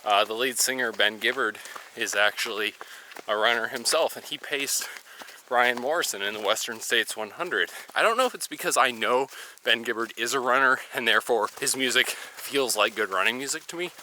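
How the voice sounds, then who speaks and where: A man's voice: mid-range voice, normal speed, bright, forceful tone, slight background noise, poor audio. A man talking casually to camera while running outdoors on a mountain trail, as in a personal vlog. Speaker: running vlogger.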